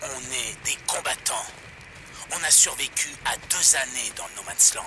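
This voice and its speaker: A man's voice: mid-range voice, animated, moderate pace, over music. A man voicing a defiant conspiracy-minded pirate radio host, delivering a rousing, conspiratorial broadcast. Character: fiery middle-aged male conspiracy radio preacher. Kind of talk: dubbed video game acting. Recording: noisy distant radio broadcast.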